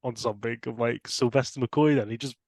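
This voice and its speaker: A young man talks casually on a podcast at a middle pitch, his voice jumping up when he gets excited and breaking into laughs. The sound is dry and close to the mic, with no room echo. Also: a little fast, gravelly. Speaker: podcast co-host. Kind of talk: casual chat.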